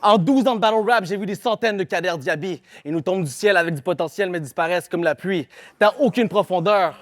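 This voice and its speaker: A man's voice: high voice, fast talker. A man with a Québécois accent, performing a live battle rap verse with aggressive, punchy rhymes. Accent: Québécois French. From Quebec. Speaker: battle rapper.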